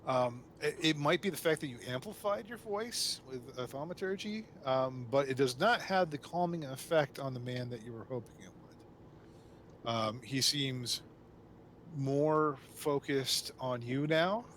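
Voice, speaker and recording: A man's voice: mid-range voice, a little slow, a bit bright, a little hiss or hum. A man running a tabletop game as game master, narrating with frequent hesitations. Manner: hesitant, with frequent fillers and restarts.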